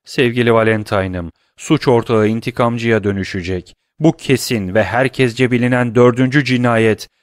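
A man reading the part of a desperate young lover who presses and pleads, his voice lifted a little higher and louder than plain narration. He sounds grieving and urgent, like a storybook hero at his breaking point, recorded dry and close. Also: fairly even intonation, moderate pace, few pauses, dry recording, lightly acted. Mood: impassioned.

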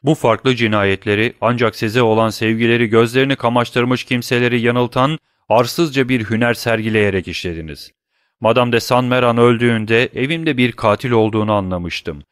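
A man's voice: medium pitch, moderate pace, no room sound, clean studio sound, close to an everyday voice. A man reading as a stern, accusing prosecutor. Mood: cold accusing. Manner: forceful, cutting, accusatory. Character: stern middle-aged male prosecutor, coldly accusing. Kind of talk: audiobook reading.

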